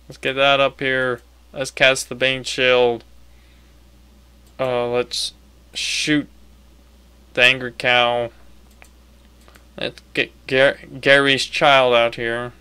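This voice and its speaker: Male gamer, unhurried and crisp, casually reading game text and reacting in a dry-sounding space. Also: medium pitch, sharp tone. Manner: self-talking, casually reacting. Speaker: gamer playing on commentary. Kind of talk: casual game commentary with on-screen text read aloud.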